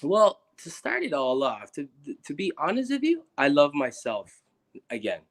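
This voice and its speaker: Earnest reflective man, slightly high voice. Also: huge pitch swings, moderate pace, slight background noise. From Guatemala. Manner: earnest, reflective, many restarts. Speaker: guest. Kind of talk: casual conversation on a live stream.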